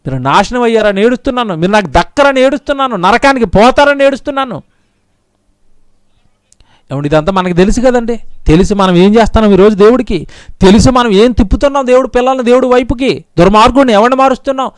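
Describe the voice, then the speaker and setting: A man's voice: very high voice, expressive, quick pace, no room sound, studio quality. A male pastor preaching a sermon in an impassioned, pleading way, repeating his lines over and over.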